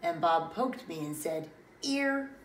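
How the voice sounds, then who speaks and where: Slow, expressive woman reading a storybook. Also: lowish voice, slight background noise. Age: middle-aged. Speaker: preschool teacher. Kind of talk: children's storybook read-aloud. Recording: roomy, distant mic, faint ambience.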